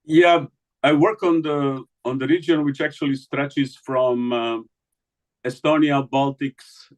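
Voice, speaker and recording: Male scholar from the Balkans, mid-pitched, hesitant and thinking aloud in an interview. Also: steady tone, takes it slowly. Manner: hesitant, many fillers and restarts. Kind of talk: academic conversation.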